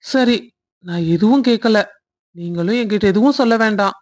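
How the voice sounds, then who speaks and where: A woman voicing a kind young man in a cartoon love story who speaks earnestly and reassures gently. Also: mid-range voice, normal speed, lightly acted.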